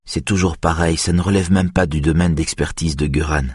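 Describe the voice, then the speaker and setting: A man reading an audiobook, voicing a tired but determined young woman detective with quiet, clipped replies in a husky voice. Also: very deep voice, fairly even intonation, fairly quick, dry recording, clean studio sound. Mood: tired, firm.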